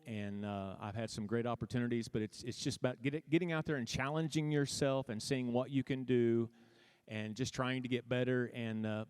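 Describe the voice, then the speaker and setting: An American man answering interview questions casually, in a modest and halting way. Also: medium pitch, darkish tone, clear, resonant tone, dry recording, clean studio sound. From Oklahoma, United States. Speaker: interview guest, champion auctioneer.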